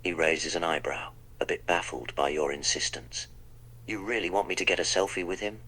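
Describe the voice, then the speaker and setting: A man's voice: sits low, fairly even intonation, moderate pace, sharp tone, poor audio. A man voicing the Doctor, a wry, polite eccentric time traveller, in a text-to-speech role-play that narrates his own actions.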